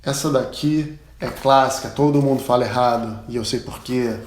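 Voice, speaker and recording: A man's voice: mid-range voice, normal speed, reverberant, a little hiss or hum. Chatty Brazilian man teaching pilot English. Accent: Brazilian Portuguese. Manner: chatty, explains with anecdotes, repeats model words loudly. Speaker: pilot and aviation English instructor. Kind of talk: casual spoken lesson.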